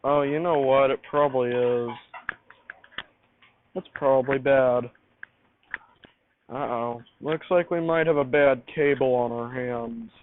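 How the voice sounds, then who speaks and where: Speaking slowly and steadily with long pauses, this mid-range male voice belongs to an amateur vlogger troubleshooting gear in his home radio studio. He improvises casually, mutters to himself, and repeats phrases as he tinkers. The recording has a thin, phone-like sound and background hiss.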